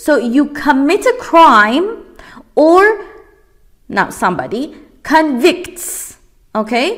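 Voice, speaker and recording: This is a woman with a somewhat high voice, teaching vocabulary in a recorded online lesson. She speaks with a Persian accent and works through each word step by step. She asks questions, answers them herself, and says the English terms slowly and clearly. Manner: drills English words, slowly and clearly spoken.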